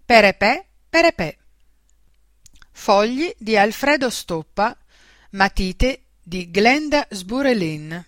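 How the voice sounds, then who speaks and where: A woman reads a children's storybook aloud, gentle and expressive. She takes her time, letting each line land. The recording is dry and close, with no room sound. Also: medium pitch, takes it slowly, no room sound. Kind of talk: scripted storybook reading.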